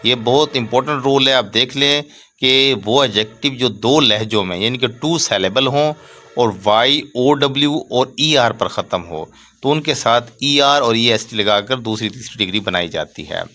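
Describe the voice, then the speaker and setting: A man teaching English grammar in a lecture, speaking slowly and deliberately and spelling out letters and reading rules word by word. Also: medium pitch, sharp tone.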